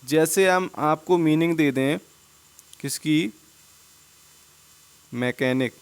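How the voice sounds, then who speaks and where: A man's voice: fairly high pitch, slow, clear, resonant tone. A man with a slightly raised voice talks through a spelling lesson over slides. He poses a question, then gives the answer himself, saying each word twice in a patient, drilling way. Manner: asks questions and answers them himself, repeats words. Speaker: English teacher. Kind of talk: Hindi-language spelling lesson.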